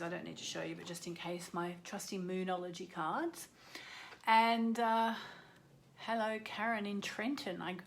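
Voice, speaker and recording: A woman's voice: mid-range voice, a bit bright. A middle-aged woman hosting a live astrology show, chatting casually and greeting viewers by name. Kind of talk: casual livestream chat. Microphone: desk microphone.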